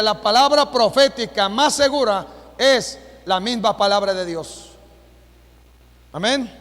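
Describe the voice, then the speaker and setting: A Mexican man preaching a sermon as pastor, with a Mexican Spanish accent, asking the congregation rhetorical questions and rising to shouts. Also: very high voice. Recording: long hall reverb.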